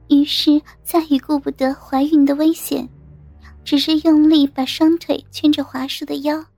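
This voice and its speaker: A woman narrating a story in a steady, measured reading of short phrases. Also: high-pitched, creaky, no echo. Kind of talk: scripted audiobook narration.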